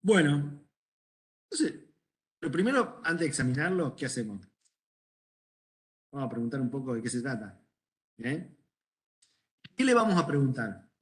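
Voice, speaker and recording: A man's voice: mid-range voice, sing-song, moderate pace, long pauses. A middle-aged man with a Rioplatense Spanish accent, an ENT doctor lecturing medical students, asking the class questions and telling stories from his practice. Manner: conversational, asks the class questions, tells anecdotes.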